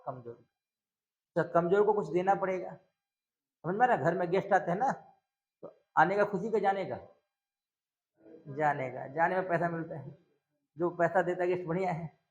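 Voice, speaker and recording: A man teaching English grammar to a class, asking questions and answering them himself in a lively, emphatic way. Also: sits high, poor audio.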